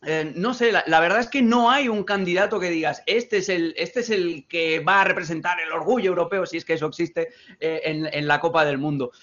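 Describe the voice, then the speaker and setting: Spanish-accent man in his thirties, fairly high voice, hesitant, wry pundit, dull call audio. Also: a little fast, a bit bright. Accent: Spanish (Spain). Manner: loose, hesitant, ironic. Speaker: football analyst. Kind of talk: casual sports debate. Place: home room. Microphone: desk mic on video call.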